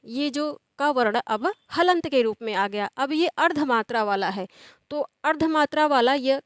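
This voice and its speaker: A woman with a high voice teaching a grammar lesson in a steady, explaining tone. She asks a question, then answers it, and slows down to draw out each example word. The recording is close and dry. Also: no room sound.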